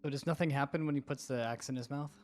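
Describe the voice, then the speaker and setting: Fast-talking man at a tabletop game. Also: medium pitch. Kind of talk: casual game chat.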